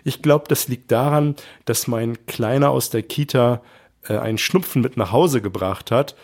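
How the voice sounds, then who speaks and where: A man's voice: mid-range voice, normal speed, a little mellow. German man with a cold, coaching. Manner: earnest, encouraging, direct address. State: stuffy nose from a cold. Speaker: podcast host, sales coach. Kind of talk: motivational podcast talk.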